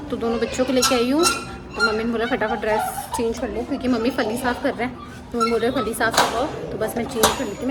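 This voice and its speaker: A young woman narrating her day in a casual home vlog, chatty and rambling with quick asides, recorded on a handheld phone in a village house. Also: mid-range voice, a little mellow, slight background noise. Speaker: vlogger.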